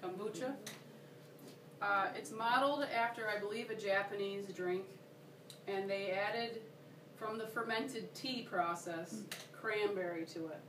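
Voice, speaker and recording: A woman's voice: mid-range voice, unhurried. A woman giving a casual, enthusiastic workshop demonstration, chatty and checking in with her listeners. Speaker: workshop presenter. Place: workshop room. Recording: roomy, distant, noisy room recording.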